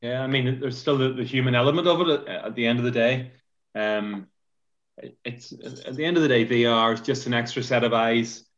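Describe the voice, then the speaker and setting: A man's voice: mid-range voice, fairly quick, a bit bright, lo-fi sound. A man on a football podcast panel, rambling and repeating words as he weighs both sides.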